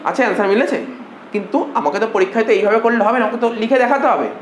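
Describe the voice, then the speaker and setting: ক্লাসে হিসাবশাস্ত্র পড়াচ্ছেন এক পুরুষ শিক্ষক, বারবার একই কথা বলে ছাত্রদের প্রশ্ন করে বোঝান, কথায় বাংলা টান।. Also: male voice, high-pitched, very fast. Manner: coaxing, repetitive, asks students questions. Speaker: accounting tutor. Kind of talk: classroom lecture. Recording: echoey room, faint hum.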